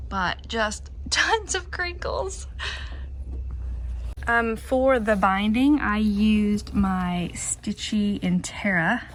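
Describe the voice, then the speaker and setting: Casual crafting host, female, medium pitch, chatty and self-effacing presentation, recorded with light ambient noise. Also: expressive, very slow, poor audio. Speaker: quilter presenting her own finished quilt. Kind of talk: casual show-and-tell vlog.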